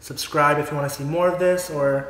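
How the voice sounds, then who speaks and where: A man's voice: fairly high pitch, steady tone, fairly quick, fairly bright tone. Echoey chatty young man vlogging. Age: 20s. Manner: chatty, upbeat, laughs often. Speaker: vlogger host. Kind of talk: casual mukbang chat. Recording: echoey room, faint noise.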